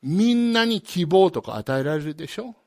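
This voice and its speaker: A man preaching a sermon as a pastor, switching between two languages and swinging from loud emphatic peaks to quiet asides. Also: high voice, lively intonation, normal speed, no room sound, clean studio sound. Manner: alternates each point between two languages. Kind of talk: bilingual sermon.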